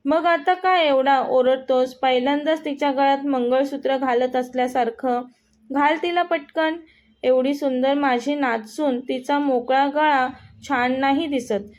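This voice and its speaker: A woman's voice: sits high, steady tone, unhurried, a little mellow. A woman voicing an affectionate old grandmother who teases and scolds her grandson fondly. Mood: fond scolding. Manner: scolding, fond teasing.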